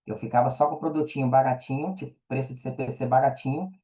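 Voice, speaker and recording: A fast-talking man with a Brazilian accent appears as a podcast guest, his mellow, medium-pitched voice fairly even in intonation. His casual interview chat is informal, and he often checks that the listener follows along.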